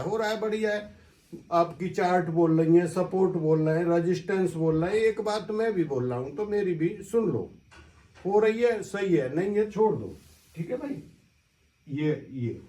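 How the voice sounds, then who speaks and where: A man's voice: on the high side, darkish tone. A man, an astrologer, explains the stock market to viewers in casual, direct talk with an instructive manner. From India. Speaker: astrologer giving market analysis. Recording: echoey room, voice from a distance.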